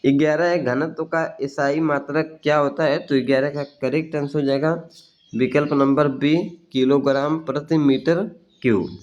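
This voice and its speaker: A man reads through an exam paper at a brisk clip, naming each question and then its answer in the same repeated pattern. His voice sits fairly high for a man. The recording is dull and lo-fi. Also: flat delivery, a little mellow. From Bihar, India. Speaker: exam tutor. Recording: dull lo-fi sound.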